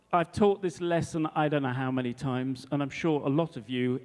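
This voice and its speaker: A man's voice: fairly high pitch, a little mellow, in a large hall. A man in his fifties, an English language teacher, telling an anecdote at a conference talk and checking in with his audience. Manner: chatty storyteller, checks in with the audience. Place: hall before a live audience.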